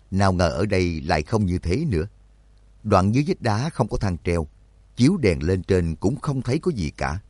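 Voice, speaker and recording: Deep-voiced male audiobook narrator. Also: no echo. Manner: expressive storytelling, voices for characters. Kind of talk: scripted narration.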